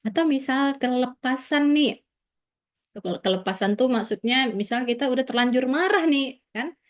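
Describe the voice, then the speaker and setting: A woman's voice: high-pitched, lively intonation, normal speed. A woman psychologist giving a casual, reassuring seminar talk to parents, often dropping in little filler words as she explains. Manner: chatty, peppers speech with "nah" and "ya"; warm, reassuring teaching tone.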